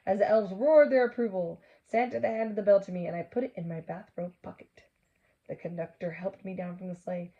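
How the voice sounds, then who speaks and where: Reading a picture book to children at a fairly quick pace, this woman has a mid-range voice, and the recording's highs are cut off. She gets animated, performs the exclamations, and stops now and then to talk with the kids and quiz them.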